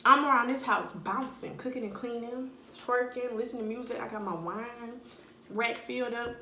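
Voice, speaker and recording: A woman's voice: fairly high pitch, moderate pace, pushed and bright, roomy sound, a little hiss or hum. A young woman talking bluntly and animatedly in slang during a casual eating-video monologue at home. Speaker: vlogger.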